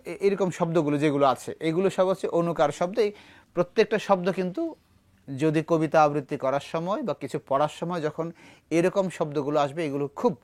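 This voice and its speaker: A man's voice: fairly high pitch, no room sound. A man teaching a recitation class, explaining words and quizzing his students. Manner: explanatory, asks students questions, recites verse slowly. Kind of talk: classroom lesson.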